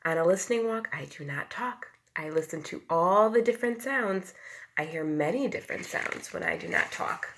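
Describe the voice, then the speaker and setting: A woman teacher reads a picture book to young children, acting out sound words by dropping to whispers and rising to loud calls, asking them questions and explaining simply. Her lowish voice swings widely in pitch at a moderate pace, with slight background noise.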